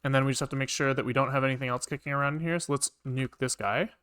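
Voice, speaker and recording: Here a man talks to himself very fast while coding on a live stream, thinking aloud in informal, sweary mutters as he figures things out. The voice is mid-range, steady, clean and a bit bright.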